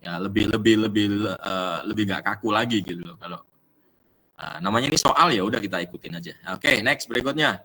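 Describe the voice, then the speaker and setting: Indonesian male English teacher, lowish bright voice, chatty with fillers, lesson delivery. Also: a little fast, slightly rough. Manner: mixes English into explanations, many fillers. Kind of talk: online class lesson.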